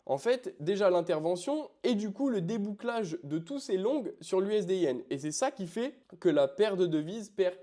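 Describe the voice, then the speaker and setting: Guy explaining forex trades on a chart, chatty and loose, high-ish mellow voice. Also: expressive, moderate pace, hardly any pauses. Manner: informal, addresses viewer as "tu", many fillers like "du coup"; explains while pointing at charts. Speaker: forex trading educator. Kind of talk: casual explanatory trading tutorial.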